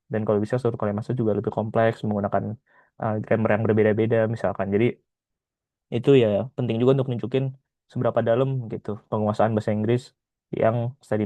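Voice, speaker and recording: A man teaching as an exam tutor in a relaxed, chatty lesson style, often ending phrases with a casual filler. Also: lowish voice, dry recording. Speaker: IELTS tutor. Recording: dull lo-fi sound.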